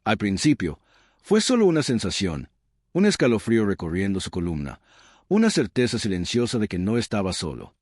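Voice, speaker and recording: A man's voice: lowish voice, wildly swooping pitch, moderate pace, darkish tone, dry recording, studio quality. A man reading a scripted horror story in a dramatic, suspenseful storytelling manner. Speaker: narrator.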